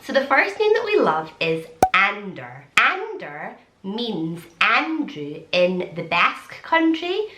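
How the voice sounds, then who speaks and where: A young pregnant woman talks casually and enthusiastically to camera, full of quick asides. Her voice is bright and clear, with a middling pitch. The room around her rings with noticeable echo. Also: wildly swooping pitch. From Scotland. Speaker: vlogger. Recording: echoey room.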